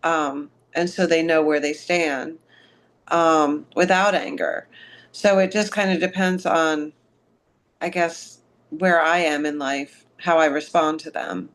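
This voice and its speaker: Slow, thoughtful middle-aged woman. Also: sits low, fairly even intonation. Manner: halting, thoughtful, searching for words. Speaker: class participant. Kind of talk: personal reflection in a class discussion.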